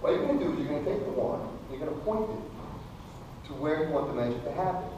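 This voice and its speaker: A man works as a kids party magician, with a voice that swings widely in pitch. He is playful and exclamatory, fumbling on purpose as he coaxes a volunteer along. The sound is distant and heavily echoed, with faint noise. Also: lively intonation, quick pace, mellow. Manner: playful, exclamatory, mock-bumbling showman. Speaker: stage magician. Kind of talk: kids party magician, comic audience-participation patter. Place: echoey room at a live magic show.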